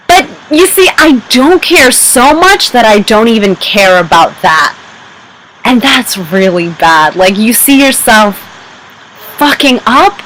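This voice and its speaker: A young woman vents to camera from her bedroom in a casual, rambling rant. She swears freely and trails off into fillers, her voice a touch higher than most. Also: a bit bright, a little hiss or hum, rough recording. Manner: exasperated, profane, rambling with fillers. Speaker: vlogger.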